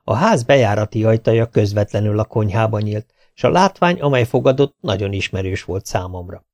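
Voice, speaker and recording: A man reading an audiobook in steady, measured scripted narration. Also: lowish voice, no echo, clean studio sound.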